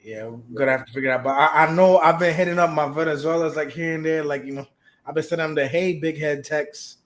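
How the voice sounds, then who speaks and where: A man's voice: a little high, steady tone, quick pace. A man hosts a casual live-stream chat with a slightly raised voice. He talks in a loose, slangy, laid-back way, reading viewer comments and reacting to them. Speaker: host.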